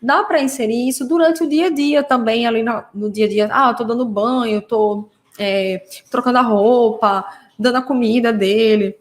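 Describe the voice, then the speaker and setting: Brazilian therapist lady teaching parents, kinda high voice, chatty, keeps doing little sound effects and asking "right?". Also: fairly even intonation, normal speed. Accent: Brazilian Portuguese. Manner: playful, acts out sound effects, frequent tag questions. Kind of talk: casual teaching talk to parents.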